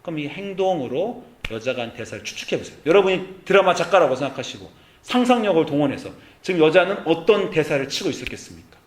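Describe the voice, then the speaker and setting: A man preaching as pastor, animated, at times acting out soft, pleading prayers. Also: a little high, quick pace. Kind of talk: sermon. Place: church sanctuary. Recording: echoey church sanctuary.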